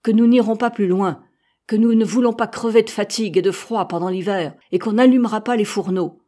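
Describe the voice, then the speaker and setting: A woman reading aloud, voicing an angry male sailor who raises his voice in loud defiance. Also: mid-range voice, moderate pace, natural voice. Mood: defiant.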